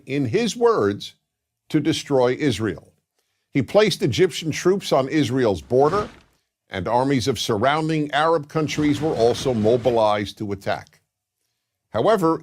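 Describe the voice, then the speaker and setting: Man, mid-pitched voice, lively intonation, deliberate didactic commentator, scripted explanatory delivery, emphatic pauses. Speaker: commentator and lecturer.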